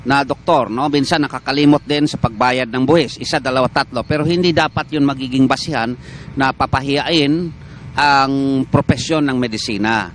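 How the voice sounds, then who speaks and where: A man with a Filipino accent, a doctor guest on a morning TV show, explaining in a measured way with many "ah" fillers. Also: medium pitch, a little hiss or hum. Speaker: doctor of a medical association, guest. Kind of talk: morning TV interview.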